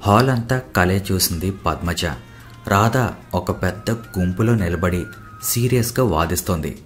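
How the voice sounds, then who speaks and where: A man narrating a novel as an audiobook in an even storytelling manner. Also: deep voice, unhurried, soft background music. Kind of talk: scripted narration.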